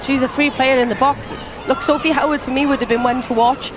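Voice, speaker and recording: Female football pundit over loud crowd noise. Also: high voice, fairly even intonation, fairly quick. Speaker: co-commentator, pundit. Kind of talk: conversational match analysis. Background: loud stadium crowd.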